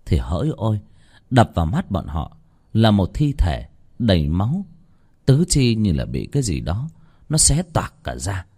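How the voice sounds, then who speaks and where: A man narrating a horror story with dramatic, expressive delivery. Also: deep voice, measured pace, husky.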